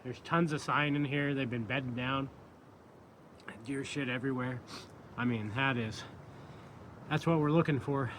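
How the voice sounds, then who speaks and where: A man filming himself outdoors in a river bottom, talking to his viewers in an excited, rambling way full of "I mean" and "like". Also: medium pitch, unhurried, pauses often, a little hiss or hum. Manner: excited, exclaiming, lots of fillers like "I mean" and "like". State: catching his breath. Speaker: shed hunter filming himself. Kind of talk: outdoor vlog narration. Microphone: camera mic.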